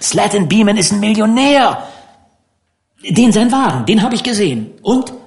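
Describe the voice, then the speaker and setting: A man voicing a curious, blunt teenage fisher boy who talks quickly and colloquially in an audiobook. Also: on the high side, very animated, gravelly, pitched above the performer's own voice. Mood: eager.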